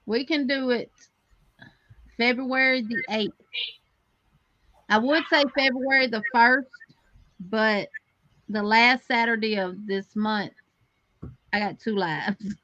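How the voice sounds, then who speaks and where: With a slightly high, fairly even, somewhat bright voice, a woman co-hosts a live crochet show at a slow pace with long pauses. She's chatty and plainspoken, full of fillers, in casual livestream talk. The recording is dry and dull.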